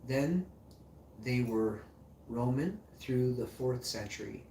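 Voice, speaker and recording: A man's voice: medium pitch, expressive, warm tone, distant mic. A man chats on his livestream, stumbling through text he reads aloud and drifting off into loose musings. He sits back from the mic in an echoey room with a faint hiss underneath. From Icelandic and German parentage. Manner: rambling, reads aloud haltingly and muses between lines. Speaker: livestream host. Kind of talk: casual livestream chat, reading aloud.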